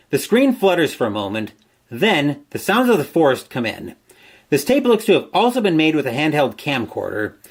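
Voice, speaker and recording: Guy reading a solo horror gamebook out loud, lively up and down voice, chatty dice-roll asides. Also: fairly high pitch, slightly rough. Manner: dramatic narration, asides on dice rolls. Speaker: host playing a solo gamebook.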